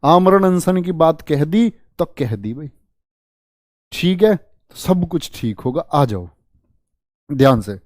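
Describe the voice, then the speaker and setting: A man's voice: a little high, expressive, takes it slowly, long pauses, darkish tone, no echo, clean studio sound. A man teaching spelling to exam students in a chatty, affectionate way, repeating words to drill them. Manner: dramatic promises to students. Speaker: Hindi teacher for exam prep. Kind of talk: online exam-coaching lesson.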